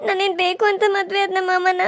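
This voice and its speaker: A woman's voice: very high-pitched, monotone, a little fast. A woman voicing a tearful young wife in a cartoon serial, crying and pleading. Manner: sobbing, pleading.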